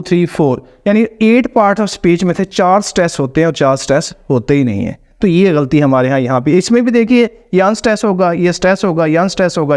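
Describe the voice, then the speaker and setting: High-voiced man teaching pronunciation. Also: darkish tone. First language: Hindi or Urdu. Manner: explains step by step, demonstrating stressed words slowly. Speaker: English teacher. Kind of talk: pronunciation lesson.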